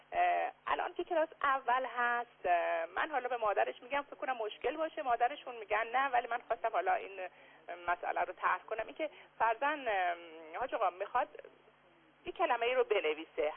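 An older woman from Shiraz phones in to a radio program. She speaks politely and haltingly, filling pauses with soft hesitations, and her voice comes through a thin, tinny phone line. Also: mid-range voice, vocal fry. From Iran (Shiraz). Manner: polite, hesitant, many fillers. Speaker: caller. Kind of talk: call-in question on radio.

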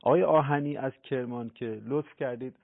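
A man's voice: mid-range voice, steady tone, vocal fry. A man hosting a religious talk show, speaking politely and deferentially with frequent hesitations. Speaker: host. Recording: thin phone-like broadcast sound.

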